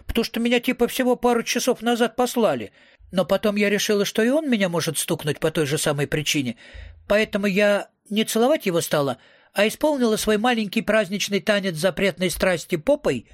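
A man's voice: sits high, no room sound, clean studio sound. A man reading a story aloud in first person, in a slangy, wisecracking, profane voice. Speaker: audiobook reader.

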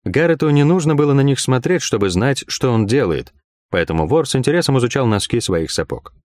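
Man, audiobook narrator, wry and expressive, lively intonation, dry close sound. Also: mid-range voice, a little fast, dry recording. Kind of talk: first-person fantasy narration.

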